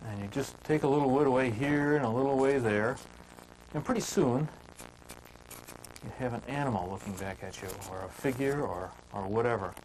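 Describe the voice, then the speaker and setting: A man teaching woodcarving in a relaxed, homespun storytelling manner, chatting with filler words as he works. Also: medium pitch, a little hiss or hum, low-quality recording. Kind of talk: folksy storytelling while demonstrating carving.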